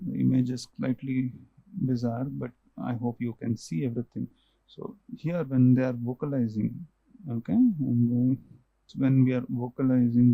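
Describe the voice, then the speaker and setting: A man's voice: medium pitch, vocal fry, dry recording, lo-fi sound. A man, an ENT doctor, patiently explaining causes and tests to a patient, often restarting and repeating himself.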